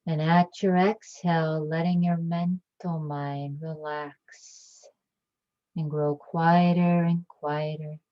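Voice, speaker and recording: Speaking very slowly and evenly, a low-voiced woman guides a meditation in a calm, soothing manner. Her gentle phrases are separated by long pauses. The audio comes across slightly dull.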